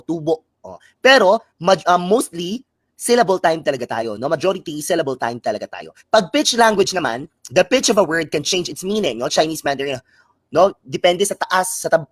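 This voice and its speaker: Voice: mid-range voice, animated, moderate pace, slightly rough, no room sound. A speaker from the Philippines with a Filipino accent, giving a live-streamed exam review lecture that mixes Filipino and English, often tagging sentences with a questioning "no?" and explaining terms through examples.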